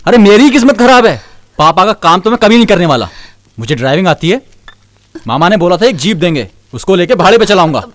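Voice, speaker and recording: A jittery young man who lives in fear of his strict father. His voice sits high and swings widely up and down as he talks. He sounds excitable and easily rattled. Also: fast, no room sound, clean studio sound. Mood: upset. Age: young adult. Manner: fearful, excitable. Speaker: college-age son. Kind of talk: Hindi film dub acting.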